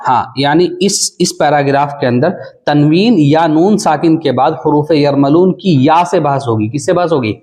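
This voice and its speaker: A man's voice: fairly high pitch, darkish tone. A man teaching a Quran reading class, spelling out syllables and stretching them into a nasal sing-song. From South Asia. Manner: drawn-out syllables. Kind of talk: spelling-out recitation lesson.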